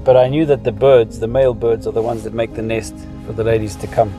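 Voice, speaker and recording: Speaking fast in a warm, mid-range voice with fairly level intonation, a man in his fifties recounts personal stories for his vlog. He has a Zimbabwean accent and a casual, reminiscing, explanatory manner, with music in the background.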